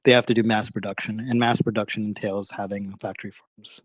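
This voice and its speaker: Lowish-voiced man debating, dry sound. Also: level tone, a little fast, no echo, poor audio. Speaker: debater on a live call-in show. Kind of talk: casual debate. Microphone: online voice call.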